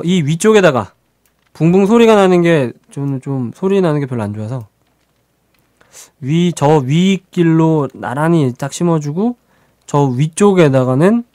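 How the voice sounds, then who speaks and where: A man's voice: on the high side, darkish tone, no echo. Chatty man streaming a survival game. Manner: chatty, talks to game creatures and viewers. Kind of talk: live let's-play commentary.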